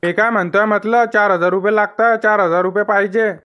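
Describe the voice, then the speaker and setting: A woman voicing a calm, matter-of-fact middle-aged male village doctor in a cartoon comedy, with a Vidarbha Marathi accent. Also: medium pitch, fast, pitched below the performer's own voice, natural voice. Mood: brisk.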